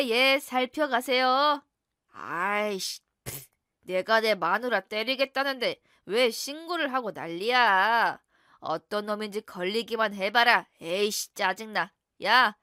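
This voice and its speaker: A woman's voice: a little high, normal speed, bright, forceful tone, dry recording, studio quality. A woman voicing a young husband who bullies and threatens his wife, then turns fake-polite. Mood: falsely polite. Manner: threatening, then smooth and apologetic.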